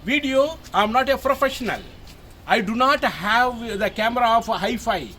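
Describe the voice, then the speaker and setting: An older retired officer from Tamil Nadu, India, a native Tamil speaker with a Tamil Indian English accent, gives emphatic, informal guidance to camera and often repeats his phrases. His very high-pitched voice is bright and forceful at a normal speed, recorded on a mobile phone camera with background noise.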